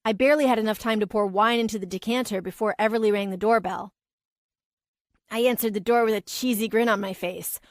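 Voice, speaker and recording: A woman narrating a romance audiobook in a calm, even storytelling manner. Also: mid-range voice, brisk, no room sound, clean studio sound. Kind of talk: scripted narration.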